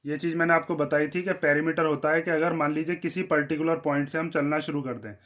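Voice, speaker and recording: An Indian man teaching a maths lesson step by step, asking questions and answering them himself, and dropping low on the one-word answers. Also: fairly even intonation, fast, a bit bright.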